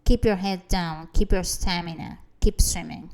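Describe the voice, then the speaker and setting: A woman narrator speaking as a confident motivational speaker, rousing and emphatic as she addresses a crowd. The delivery is louder than plain narration, and the tone stays smooth and clear throughout. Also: on the low side, moderate pace, natural voice.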